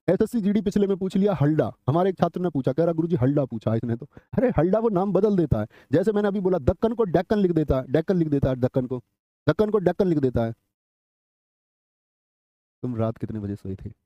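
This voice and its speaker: Brisk teacher man, dry lo-fi sound. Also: high-pitched, dark tone, dry recording. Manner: scolding then joking, calls students brother. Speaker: exam coaching teacher. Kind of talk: live online class with mnemonics.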